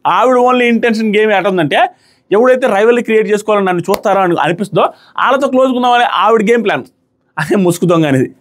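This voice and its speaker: Fast-talking, high-voiced man reviewing an episode. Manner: rapid, emphatic, repeats points for stress. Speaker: reality show reviewer. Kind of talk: opinionated episode review commentary.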